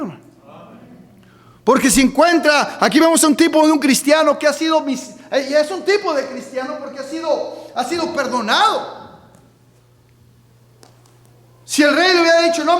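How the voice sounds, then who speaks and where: A man preaches a midweek sermon in a very high voice, firing questions at the congregation and pressing each point until it swells to a shout. His voice rings through a church sanctuary with a long, trailing reverb. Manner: preaching with repeated calls of "hermano" and questions to the congregation; fervent, rising to shouts. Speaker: pastor. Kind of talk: midweek Bible study sermon.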